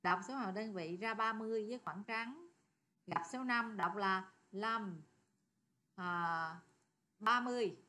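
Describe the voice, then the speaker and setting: A woman's voice: mid-range voice, unhurried, long pauses, bright, forceful tone. A woman teaching a programming lesson, chatty and often asking her students questions. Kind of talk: screen-recorded coding lesson.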